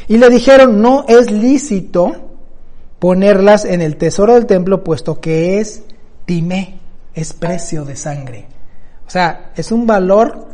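A preacher man with a mellow, higher-pitched voice teaching from scripture. He explains word meanings step by step and checks in with his listeners through rhetorical questions. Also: slow. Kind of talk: bible teaching sermon.

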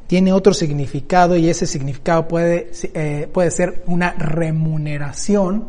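A preacher man with a mellow, higher-pitched voice teaching from scripture. He explains word meanings step by step and checks in with his listeners through rhetorical questions. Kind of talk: bible teaching sermon.

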